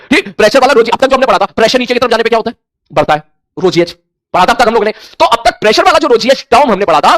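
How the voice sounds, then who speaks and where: A man's voice: extremely high pitch, a bit bright, no echo, studio quality. A man teaching a physics lecture, mixing in English terms and acting out his students' questions in dialogue. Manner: mixes Hindi with English terms. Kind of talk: classroom lecture.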